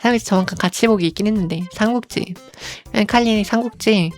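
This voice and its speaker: A woman streams as a virtual creator, chatting casually at an unhurried pace in a medium-pitched voice. She fills pauses with soft hums and refers to herself in the third person, with soft music playing in the background.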